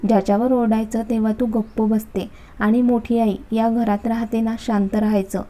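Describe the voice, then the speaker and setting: A woman voicing an outspoken, sharp-tongued young sister who speaks bluntly. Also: fairly high pitch, little pitch movement, moderate pace, close to an everyday voice. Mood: angry. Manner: blunt, scolding.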